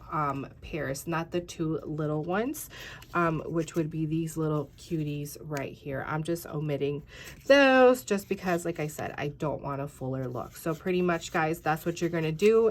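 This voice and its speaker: With a lowish voice, this craft channel host, a woman in her thirties, sounds worn out and stuffy as she walks through a tutorial. She rambles casually, uses plenty of fillers, and keeps calling her viewers "you guys."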